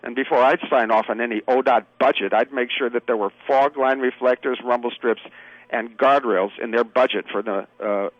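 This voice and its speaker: A man guest on a radio show, speaking over the phone in an earnest, halting way with many fillers. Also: mid-range voice, fairly even intonation, no echo, dull audio. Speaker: political candidate guest.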